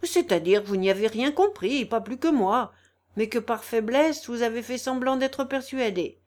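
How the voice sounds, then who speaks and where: A woman voicing a scolding, sharp-tongued older housekeeper who chides loudly in a storybook reading. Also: on the high side, normal speed, close to an everyday voice. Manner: loud, chiding, exasperated.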